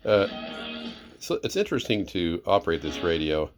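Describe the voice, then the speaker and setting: This presenter speaks in a low voice with big swings in pitch and a moderate pace, while faint music plays behind him. He demonstrates a vintage radio receiver casually and off the cuff, easygoing but somewhat hesitant.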